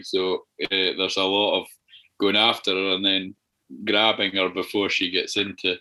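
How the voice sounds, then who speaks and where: A man's voice: sits low, poor audio. A Scottish man in his thirties, a fisherman, talking casually and hesitantly over a crunchy video call. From Scotland. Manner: relaxed, hesitant, with restarts. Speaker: fisherman guest. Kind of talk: casual conversation.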